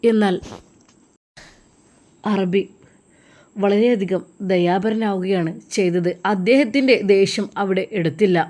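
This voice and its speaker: A woman's voice: mid-range voice, slow, long pauses, mellow. A woman narrating a moral story in an emotive, earnest storytelling manner.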